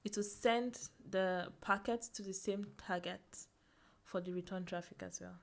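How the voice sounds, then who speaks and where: A woman's voice: mid-range voice, fairly even intonation, moderate pace, vocal fry. A young woman explaining networking as a tutorial host, thinking aloud with fillers, restarts and small laughs at herself. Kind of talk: casual screen-share walkthrough.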